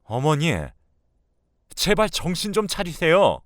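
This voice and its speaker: A man's voice: mid-range voice, sing-song, moderate pace, no echo, clean studio sound, pitched above the performer's own voice, natural voice. A man voicing a grown son who urgently presses his mother with a raised voice in a radio drama.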